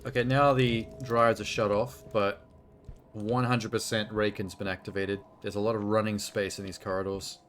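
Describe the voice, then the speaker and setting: A man's voice: fairly low pitch, little pitch movement, normal speed, a bit bright, a little hiss or hum. A man giving casual, nervous commentary to himself while playing a horror game. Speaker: video game streamer.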